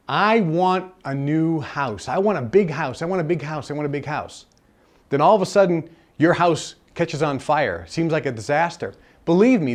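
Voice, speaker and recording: A man speaking at a live self-help seminar in a conversational way, repeating phrases for emphasis. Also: a little high.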